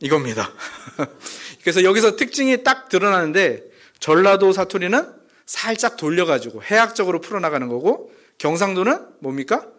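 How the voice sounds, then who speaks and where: A man's voice: animated, normal speed, a bit bright. A man preaching a sermon as pastor to his congregation, asking them questions and acting out quoted lines and jokes. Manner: addresses the congregation directly with questions; acts out dialect jokes and quoted lines with rising pitch. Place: church.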